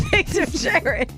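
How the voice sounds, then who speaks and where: A woman co-hosting a trivia podcast, bubbly and cheeky, whooping at her wins. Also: sits high. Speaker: co-host and contestant. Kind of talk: casual game-show banter.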